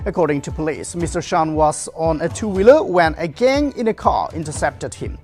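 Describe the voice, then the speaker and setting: High-pitched male newsreader. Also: expressive, moderate pace, a little mellow, soft background music. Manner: formal. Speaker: news anchor. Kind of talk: scripted news reading.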